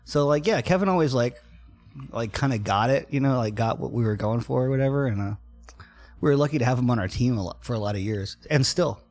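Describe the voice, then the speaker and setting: This middle-aged Florida man, a guest musician on an interview podcast, has a medium-pitched, darkish voice with lively intonation and a fast pace. He tells stories in a laid-back, casual way, saying "man" and "like" a lot.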